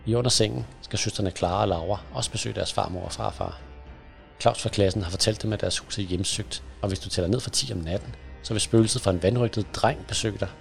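A man reads a scary story aloud in a hushed, suspenseful manner. His voice sits low with a gravelly fry, and faint music plays underneath. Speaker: narrator. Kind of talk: scripted storybook narration.

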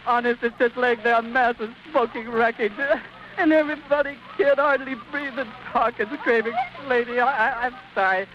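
A man's voice: extremely high pitch, steady tone, moderate pace. Distraught, breathless man reporting a disaster. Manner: broken, stammering, crying out. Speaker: radio reporter. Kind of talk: live on-scene radio commentary. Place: outdoors at an airfield. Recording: muffled noisy 1930s archive recording.

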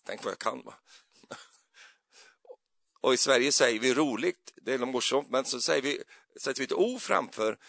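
A man's voice: medium pitch, creaky, a bit bright, no room sound, clean studio sound. A man giving a loose, chatty sermon in a church, rambling and hesitant with many fillers and little jokes. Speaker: preacher. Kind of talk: conversational sermon.

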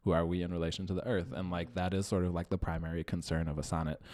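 A man's voice: low-pitched, level tone, fast, darkish tone. A man born in the Philippines co-hosting a podcast, chatting casually and laughing often with many fillers. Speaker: podcast co-host. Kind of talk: casual chat.

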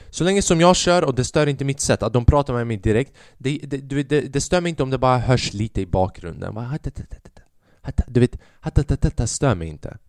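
A man's voice: mid-range voice, no room sound, studio quality. A young man, a podcast host and stand-up comedian, telling a rambling, profane story in a casual monologue.

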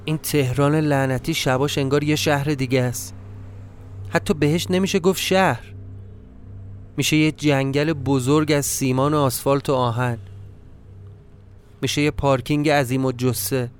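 A man telling a dark first-person story in a tense, brooding inner-monologue manner. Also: mid-range voice, steady tone, long pauses, clean tone, faint music behind.

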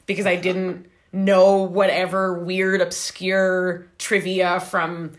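A young woman from Canada telling a long story in a rambling, animated way, acting out what people said. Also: on the low side, slow. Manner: animated, rambling, acts out quoted voices. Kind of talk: casual storytelling.

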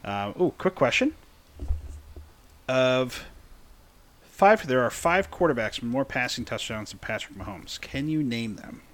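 A man's voice: mid-range voice, lively intonation, unhurried, long pauses, a bit bright. A man hosting a casual sports talk, joking and conversational. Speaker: podcast host.

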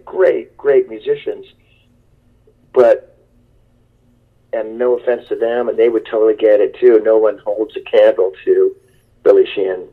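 A man's voice: lowish voice, phone-quality sound. A man, a guest musician, talking in a rambling, enthusiastic and self-deprecating way over a speakerphone line during a phone interview. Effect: heard over a speakerphone line.

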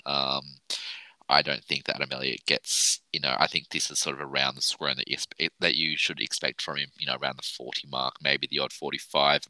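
An Australian man hosts a casual sports podcast. His voice is extremely deep with a hard, bright, forceful edge. He talks in an informal, blokey way, and the sound is close and dry. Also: no room sound, low-quality recording. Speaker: podcast host.

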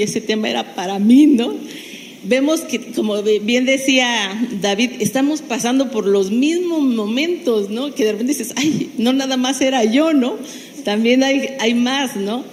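A woman's voice: fairly high pitch, in a large hall, slight background noise. A woman encouraging others in a casual group to join and invite friends.

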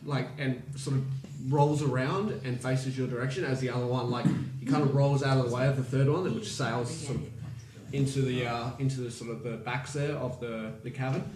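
A man's voice: medium pitch, fairly even intonation, moderate pace, recorded from a distance, crowd noise. A man running a tabletop game as game master, describing the action in a loose, hesitant way with many fillers. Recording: roomy, off-mic home recording with noise.

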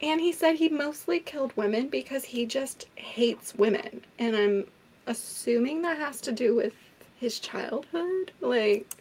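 A woman co-hosting a casual true crime podcast, telling the story in an animated way, swearing and laughing often. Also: high-pitched, a little slow.

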